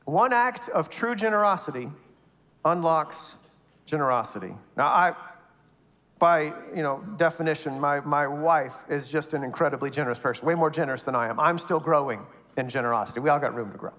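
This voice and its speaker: Animated preacher in a reverberant hall. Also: male voice, a little high, a little fast. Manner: animated storyteller acting out quoted voices. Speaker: pastor. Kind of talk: sermon storytelling.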